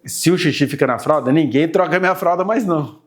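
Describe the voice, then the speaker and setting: A man's voice: a little high, fairly quick. A man preaching in a conversational, explanatory way to a church group, often checking in with the audience through tag questions. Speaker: preacher teaching a church class. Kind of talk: conversational sermon lecture. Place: church gathering.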